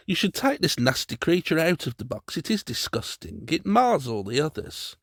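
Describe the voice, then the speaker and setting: A man's voice: on the high side, wildly swooping pitch, normal speed, vocal fry, no room sound, clean studio sound, voice pushed up, full character voice. A man voicing a timid young boy pleading.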